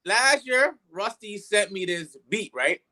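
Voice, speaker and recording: A man with a Bermudian accent and a fairly high, bright, forward voice talks casually in an interview. He tells his story in short bursts, dropping in quoted back-and-forth as he goes. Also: takes it slowly. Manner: animated retelling with quoted dialogue. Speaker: guest musician, singer.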